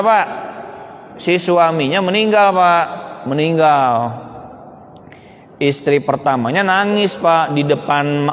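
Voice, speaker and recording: A male speaker giving a lively, joking talk to an audience, asking rhetorical questions and answering them himself. His voice is high for a man. A long reverb trails behind him in a large hall. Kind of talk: humorous public talk.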